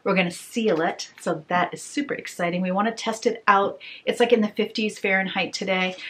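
A woman's voice: mid-range voice, fairly bright tone. A middle-aged woman chatting through an upbeat, rambling home vlog, talking to the camera in her bedroom and then while cleaning a small bathroom. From Maine, USA. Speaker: home vlogger, mom.

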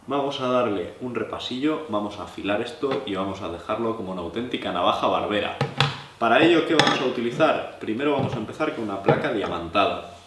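A young Spanish man from La Mancha, seated at a table in his living room, explains knife sharpening to viewers in a relaxed, chatty way. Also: fairly low pitch, quick pace, roomy sound, noisy background. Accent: Spanish from Spain. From La Mancha, Spain. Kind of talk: hands-on tutorial, addressing viewers.

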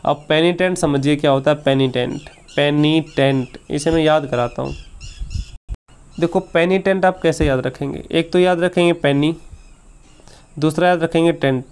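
Man teaching vocabulary, smooth clear voice. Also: a little high, moderate pace, a little mellow. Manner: explains patiently, repeats words as questions and answers. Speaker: English teacher. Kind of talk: vocabulary lesson.

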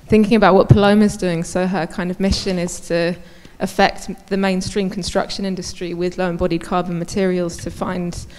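A woman in her thirties, an architect, speaks on stage at a conference panel in a large hall, using a handheld mic. She is conversational, with many fillers and restarts, and her fairly low, slightly mellow voice stays level at a moderate pace with few pauses. The hall gives the recording a long reverb.

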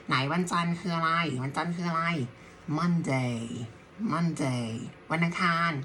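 Very low-voiced, slow-paced woman teacher. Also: fairly bright tone, slight background noise. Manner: patient, motherly, drills words by repeating them slowly. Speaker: English teacher. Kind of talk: language lesson for beginners.

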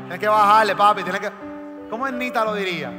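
A man with a Puerto Rican accent doing crude, shouted stand-up comedy on a large arena stage. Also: sits high, quick pace. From Puerto Rico. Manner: loud, crude, often shouting. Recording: reverberant arena with loud music.

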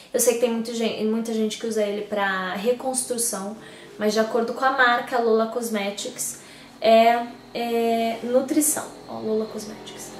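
A beauty vlogger with a somewhat high, slightly mellow voice rambles casually through a product review, full of fillers and restarts. She's recorded at home on a distant camera mic, with roomy echo, faint hiss and faint street noise in the background.

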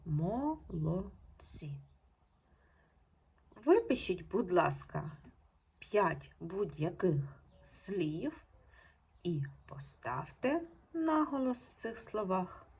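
Slow, patient woman teacher, husky voice. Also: lowish voice, big pitch swings, a little mellow. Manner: slow, patient, clear instructions with pauses. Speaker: primary school teacher. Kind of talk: recorded online lesson for children.

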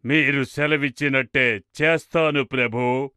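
A man's voice: medium pitch, fairly even intonation, a little slow, sharp tone, smooth, no room sound, clean studio sound. A man voicing a cruel python demon in a cartoon, groaning and strained. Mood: servile.

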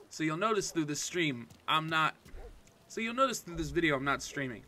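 A man's voice: a little high, big pitch swings, moderate pace, pushed and bright, slight background noise. A man from California giving casual, crude, profane commentary while playing a video game. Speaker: gaming video host. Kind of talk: casual let's-play commentary. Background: game music.

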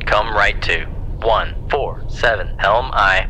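A man's voice: slow, bright, forceful tone. A man playing a submarine captain and crew, giving clipped, formal naval orders in a game. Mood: brisk, commanding. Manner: clipped, formal military delivery. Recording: dull lo-fi game audio with rumbling noise.

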